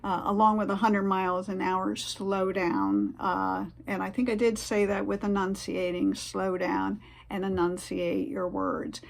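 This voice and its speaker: A woman's voice: mid-range voice, expressive, a little slow, hardly any pauses. A woman giving casual, earnest advice to the camera, rambling a little with fillers and restarts. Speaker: vlogger sharing tips.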